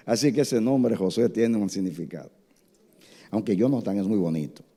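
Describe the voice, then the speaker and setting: A man preaching a sermon as pastor, telling stories with lively acted-out dialogue. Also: fairly low pitch. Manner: animated storytelling, acts out voices in dialogue. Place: church sanctuary. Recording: hall reverb.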